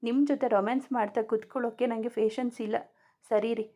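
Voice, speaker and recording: A woman's voice: fairly high pitch, fairly even intonation, fast, dark tone, close to an everyday voice. Woman as a tired, sulky young mother. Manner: curt, weary retorts.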